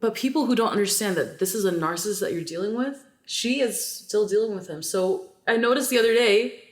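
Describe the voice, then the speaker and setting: A woman co-hosting a podcast, telling stories in casual, animated chat with lots of filler words. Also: mid-range voice, fairly quick. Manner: chatty, animated storytelling with many "like" fillers. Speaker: podcast co-host. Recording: roomy echo.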